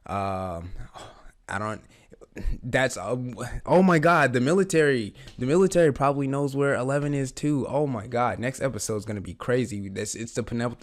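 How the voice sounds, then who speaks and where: A reaction channel host, a man recovering from the flu, talks through a TV episode in a raspy, medium-pitched voice. He's an eager fan who rambles casually, full of fillers and restarts.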